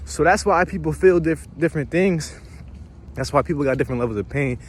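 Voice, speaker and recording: A man's voice: fairly high pitch, a little fast, a little hiss or hum. A man rambling and philosophizing in a casual, profane walk-and-talk vlog, out of breath from walking outdoors by a pond and filming himself on a phone. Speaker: vlogger.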